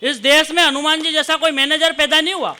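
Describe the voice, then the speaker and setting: A man with a very high, piercing voice performs comic verse on stage. His tone is sharp and ringing. He bantdescribes jokes to the crowd, then draws out each punchline slowly. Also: steady tone. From Malwa, central India. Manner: joking banter with the audience, slow emphatic verse lines. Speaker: poet on stage. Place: poetry gathering stage before a live audience.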